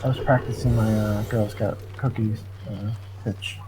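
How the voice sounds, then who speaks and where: A man's voice: lowish voice, fairly even intonation, measured pace, music in the background, poor audio. A man talking casually during a video game in a laid-back, hesitant way. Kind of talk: casual chat while playing a video game.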